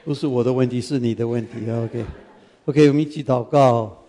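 A man preaching as guest pastor in a church, praying and then speaking gently and straight to the congregation. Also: medium pitch, steady tone, a little fast. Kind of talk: prayer and sermon.

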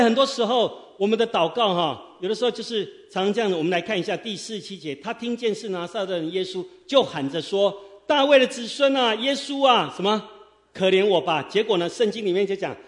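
Pastor preaching in a hall. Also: male voice, high voice. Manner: lively, quizzes the congregation with fill-in questions; swings from quiet asides to loud exhortation. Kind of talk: sermon. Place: church sanctuary.

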